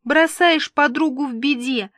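Woman reader doing a whiny, theatrical friend, high voice, dry close sound. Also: unhurried, a bit bright, dry recording. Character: excitable scatterbrained woman friend.

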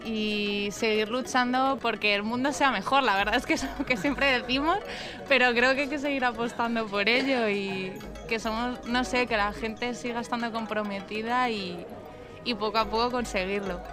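This Madrid woman's voice sits on the higher side, with fairly even intonation and normal speed, and carries a Madrid Spanish accent. Answering a casual interview hesitantly, she leans on fillers and frequent restarts. Loud music is audible in the recording.

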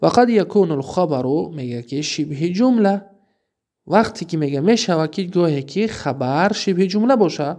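Gravelly-voiced man teaching Arabic grammar. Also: a little high, lively intonation, darkish tone. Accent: Tajik-inflected Persian. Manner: reads Arabic examples slowly, then explains quickly with questions to the listener. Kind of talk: recorded lesson explaining a textbook.

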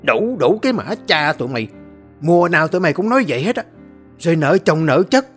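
A man's voice: medium pitch, lively intonation, fast talker, soft background music, close to an everyday voice. A man doing a bellowing cruel old landlord. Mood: furious. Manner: shouting furious threats.

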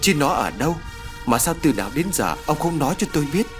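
A man voicing a frantic, grieving old peasant mother, with shrill, wailing pleas. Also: expressive, moderate pace, over music, close to an everyday voice. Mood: distraught.

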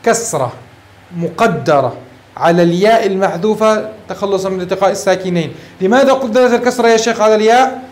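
A man's voice: sits high, fast talker. A man with a Levantine Arabic accent teaching a grammar lesson, explaining patiently and asking the class questions as he goes.

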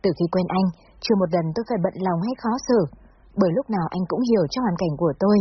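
A woman's voice: medium pitch, very fast, muffled recording, slight background noise. A woman narrating a first-person story in a reflective, confiding way.

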